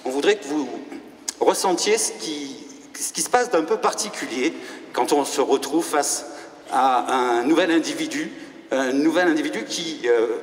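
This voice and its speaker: A man's voice: on the high side, moderate pace. A man moderating a live public round table, formal and often searching for his words. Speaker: panel moderator. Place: hall before an audience. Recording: echoey hall with background noise.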